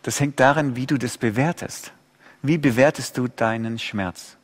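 Pastor guy preaching, really intense, loud then hushed, big echoey church hall. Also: normal speed. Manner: impassioned, swings between loud outcries and hushed low asides. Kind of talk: sermon. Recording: long hall reverb.

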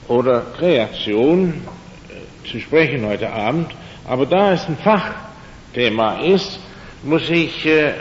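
A slow older man, not a native German speaker, delivers an evening lecture in German on creation and faith. His speech is halting and full of fillers, with touches of dry humor. The dull recording echoes around a hall and has a faint rumble.

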